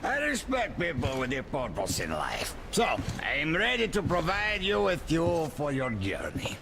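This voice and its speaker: Playing the same kind of role, a suave and menacing game warlord baron, the actor gives a full character voice that is gravelly, a little high, and wildly swooping in pitch. Speaking with deliberate, pompous courtesy, he carries a veiled threat over background noise in this dramatic cutscene.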